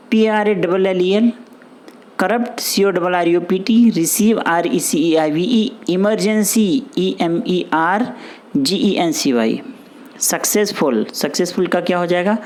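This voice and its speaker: Slow, patient male spelling teacher. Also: high voice, darkish tone. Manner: spells words letter by letter, explains in Hindi; reassuring, repeats key points. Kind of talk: spelling lesson for exam students.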